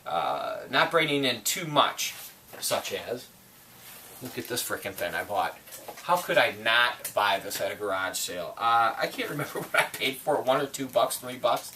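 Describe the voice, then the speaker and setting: Rambling, excitable man in his forties. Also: medium pitch, moderate pace, distant mic, a little hiss or hum. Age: 40s. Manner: rambling, excitable, cursing, bursts into shouts. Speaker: collector vlogger. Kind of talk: unscripted motivational monologue. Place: indoor collection room.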